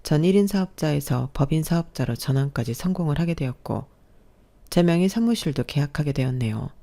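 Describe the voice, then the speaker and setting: A woman's voice: low voice, expressive, a little fast, creaky, dark tone. A woman telling a first-person story as scripted radio-drama narration, plain and confiding.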